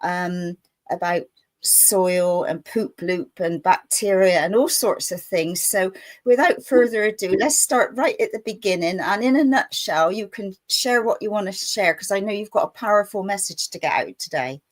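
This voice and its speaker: A woman's voice: mid-range voice, normal speed. Chatty woman hosting. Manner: chatty, rambling, laughs often. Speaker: show host. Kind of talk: casual interview chat.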